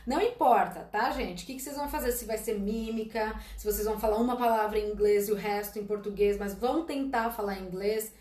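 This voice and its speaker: A woman's voice: medium pitch, fast, hardly any pauses, darkish tone, reverberant. A woman in her late twenties, an English teacher and former flight attendant from Brazil, giving blunt career advice in a live-stream Q&A and constantly checking in with her audience. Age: late 20s. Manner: direct, emphatic, frequently checks in with "tá?" and "gente".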